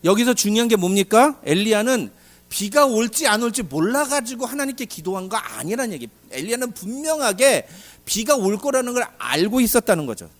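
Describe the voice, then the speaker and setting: A male pastor preaching a sermon in an animated way, asking the congregation questions and acting out dialogue. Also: high-pitched, brisk.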